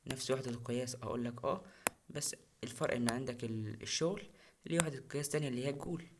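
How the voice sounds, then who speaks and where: A man's voice: medium pitch, racing, noisy background. A young man with an Egyptian Arabic accent, tutoring physics for an exam in a casual, chatty way and repeating key terms. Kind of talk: recorded exam-prep lesson.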